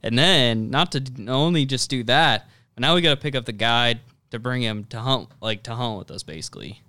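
A man in casual podcast chat, adding to a hunting story in a relaxed, halting way. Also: mid-range voice, no echo, studio quality.

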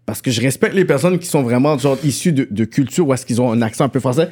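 A man's voice: medium pitch, quick pace, dark tone, breathy edge. A young man with a Québécois French accent hosting a casual podcast chat, talking animatedly and mixing in English slang. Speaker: podcast host interviewing a rapper.

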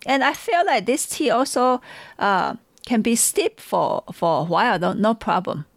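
Taiwanese lady tasting tea, pitch jumps all over, dry close sound. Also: measured pace, gravelly, dry recording. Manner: animated, giggly storyteller. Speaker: tea seller. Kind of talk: casual tea tasting chat.

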